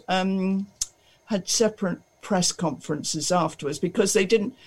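A man's voice: high-pitched, low-quality recording. A man chatting casually on radio, stumbling over words and restarting often.

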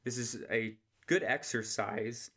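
An American man giving an informal religious lesson in a soft, quiet voice, with a flat monotone manner. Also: slow pace, husky. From Utah, United States. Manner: flat monotone, speaking low without inflection. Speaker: host of a scripture study podcast. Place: quiet room at home.

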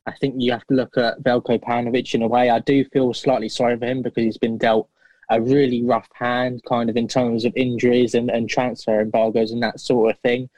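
Male fan, even monotone answers, earnest and a bit halting, dry recording. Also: mid-range voice, dry recording, rough recording. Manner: earnest, hesitant, many fillers and restarts. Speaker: football fan interviewee. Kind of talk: interview answers.

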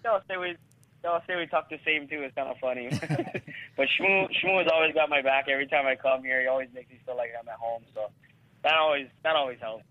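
A man's voice: mid-range voice, fast, no echo. A man from Hawaii chatting casually as an interview guest, laid-back and often repeating himself. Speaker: professional surfer, interview guest. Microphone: phone call. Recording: tinny phone line.

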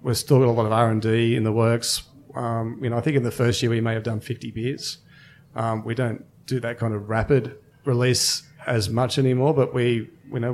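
A man's voice: mid-range voice, a little hiss or hum. Man of fifty chatting loosely. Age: 50s. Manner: relaxed, thinks aloud with many fillers. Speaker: brewery co-founder guest. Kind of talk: casual interview chat.

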